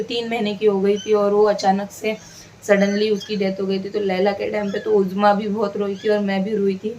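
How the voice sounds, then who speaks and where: A woman's voice: medium pitch, darkish tone, slight background noise. A young woman, chatting emotionally and directly to her viewers in a casual home vlog, filmed on a phone camera indoors. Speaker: vlogger.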